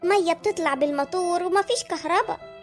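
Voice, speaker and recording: A woman voicing a gossipy, sharp-tongued mother in an Egyptian cartoon, with an Egyptian Arabic accent. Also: very high voice, fast, soft background music.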